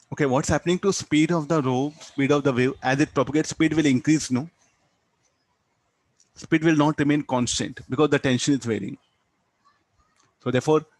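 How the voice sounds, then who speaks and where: This classroom physics lecture comes from a man with an Indian English accent whose mid-range voice is slightly mellow, with no room sound. Working through a problem step by step, he instructs didactically, raises questions he then answers, and keeps adding "no?" to his statements.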